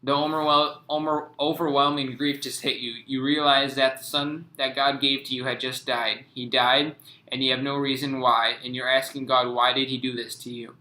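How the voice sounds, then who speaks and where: A man's voice: medium pitch, sharp tone, reverberant, rough recording. A young man giving a class presentation, reading his written pieces aloud and stumbling over words with restarts.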